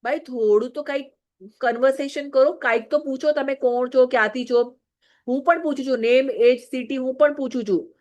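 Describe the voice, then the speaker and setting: A woman's voice: high-pitched, fairly even intonation, normal speed, darkish tone. A married woman giving a direct, scolding training talk to her business team, often checking "okay?". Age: adult, married.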